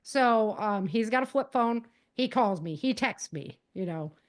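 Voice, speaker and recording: An unhurried middle-aged woman with a fairly high voice and lively intonation speaks as a podcast interview guest. The author and self-defense advocate gives emphatic conversational advice, restating key points and acting out sample lines.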